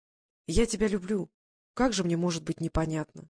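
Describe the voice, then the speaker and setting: Earnest young woman, tender, anxious, soft questions, read aloud by a narrator, audiobook. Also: mid-range voice, normal speed, lightly acted.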